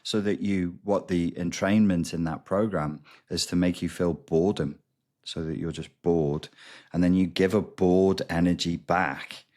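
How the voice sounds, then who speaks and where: A man guesting on a podcast as a recovery expert, explaining ideas step by step in a measured way. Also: sits low, fairly even intonation, darkish tone. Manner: measured, explains step by step, frequent ums and restarts. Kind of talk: explanatory interview talk.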